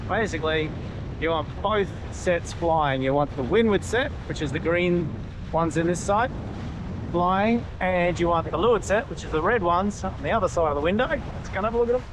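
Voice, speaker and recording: A man's voice: high voice, normal speed. A man explaining sail trim in a casual, hands-on way while standing on the deck of a catamaran at sea, pointing things out as he goes. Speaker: sailing instructor. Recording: loud wind noise on the mic outdoors.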